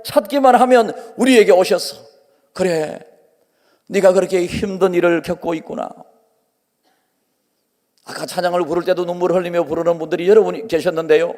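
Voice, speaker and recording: A man's voice: sits high, darkish tone. A male pastor with a Gyeongsang accent preaching a sermon, earnest and repetitive in his cadence. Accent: Gyeongsang Korean. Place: church sanctuary. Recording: long reverb of a church hall.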